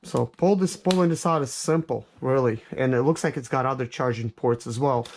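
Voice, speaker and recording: Speaking a little fast, a male product reviewer and vlog host unboxes an item in an office, thinking out loud in an informal, hesitant, hands-on style. His mid-range voice has a darkish tone. The recording comes through clear, with background noise and clicks.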